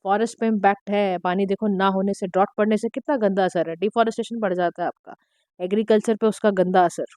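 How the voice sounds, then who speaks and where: A woman teacher, giving an exam-prep lecture in a direct, instructive way, her throat slightly hoarse. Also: medium pitch, steady tone, brisk, a little mellow, no echo. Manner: direct, instructive, mixing Hindi and English. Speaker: current affairs teacher.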